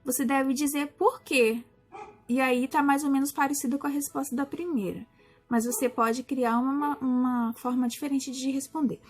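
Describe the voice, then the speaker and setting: A Brazilian woman teacher explaining a lesson to primary school pupils in a patient way, often pausing and restarting. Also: high voice, fairly even intonation, faint music behind. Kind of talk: recorded class explanation.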